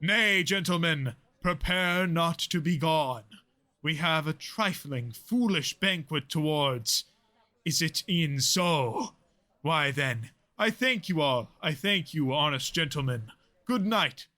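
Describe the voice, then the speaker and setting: An actor playing a commanding, quick-tempered older lord and uncle, declaiming Shakespearean verse in an audio play. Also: male voice, a little high, lively intonation, bright, forceful tone, heavily acted. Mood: genial, hospitable. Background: music.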